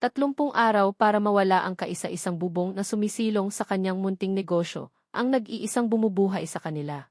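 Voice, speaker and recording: A woman with a Filipino accent reads a scripted story as a dramatic narrator. Her medium-pitched voice is brisk and a little mellow, captured in a dry, clean studio recording.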